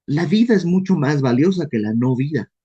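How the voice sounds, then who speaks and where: A man with a Mexican accent leading a casual verse-by-verse Bible study, lively and self-deprecating, often acting out questions in quoted voices. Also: fairly high pitch, brisk, slightly rough, dull audio. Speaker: Bible teacher.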